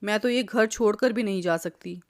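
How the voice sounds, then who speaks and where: A woman's voice: mid-range voice, moderate pace, darkish tone, dry recording, clean studio sound, close to an everyday voice. Timid young wife, meek, pleading, read by a woman, storybook. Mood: tearful. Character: timid young wife, tearful then defiant.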